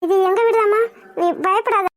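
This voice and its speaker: A woman plays a worried, motherly cartoon housewife who fusses over everyone. The voice sits very high and the read is dry and close. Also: fairly even intonation, moderate pace, no room sound. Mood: worried, caring. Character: caring middle-aged village housewife, anxious. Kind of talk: cartoon voice acting.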